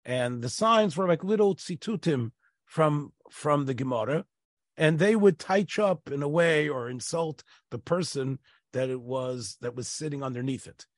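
A man's voice: a little high, lively intonation, unhurried, dry recording, studio quality. Inquisitive male podcast host. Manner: inquisitive, sprinkles in yeshiva Hebrew and Yiddish terms. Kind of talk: casual podcast interview.

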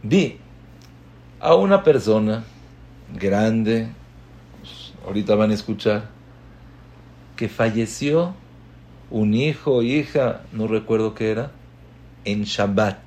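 A man giving a spoken sermon as a rabbi, telling stories with soft asides and emphatic acted-out lines. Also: lowish voice, slow, long pauses.

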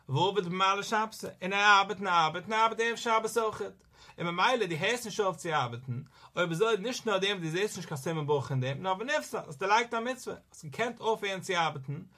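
Male religious teacher, Torah lesson, sing-song study cadence, quotes verses, high tense voice. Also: fairly bright tone.

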